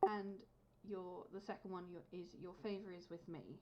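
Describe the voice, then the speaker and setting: A woman player speaking in character during a tabletop game, formal and measured. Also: on the low side, fairly even intonation, a little mellow. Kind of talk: in-character roleplay dialogue. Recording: lo-fi recording with clear background noise.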